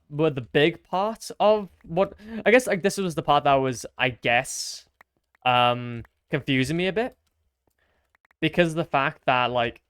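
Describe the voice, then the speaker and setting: A man's voice: mid-range voice, smooth, no room sound. A young man casually commenting to his stream as he builds, chatty and self-mocking, humming little sound effects between remarks.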